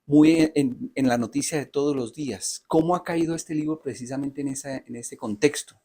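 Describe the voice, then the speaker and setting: Colombian male interviewer, mid-pitched. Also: moderate pace, warm tone, slightly rough. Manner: polite, long elaborated questions. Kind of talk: interview questions.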